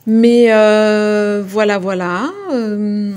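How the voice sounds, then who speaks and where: A woman chatting through a crafting voice-over, friendly and hesitant, often pausing on filler sounds as she talks to her viewers. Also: medium pitch, fairly even intonation, a little mellow, smooth. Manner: friendly, addresses viewers directly. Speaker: craft video creator.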